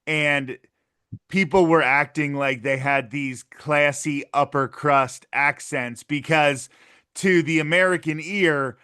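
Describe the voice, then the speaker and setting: A man hosting a podcast, asking his questions slowly and deliberately. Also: a little high, sharp tone, smooth. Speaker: podcast host. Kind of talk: conversational interview.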